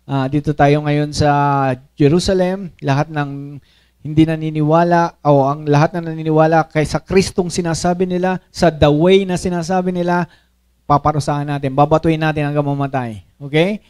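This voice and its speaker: A man's voice: on the high side, normal speed, clear, resonant tone. A man preaching a sermon in a mix of languages, often checking in with his listeners with "okay?" and acting out the speech of the people in the story. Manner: Taglish preaching with frequent "okay?" and "no?" check-ins; animated, acts out quoted speech. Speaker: pastor.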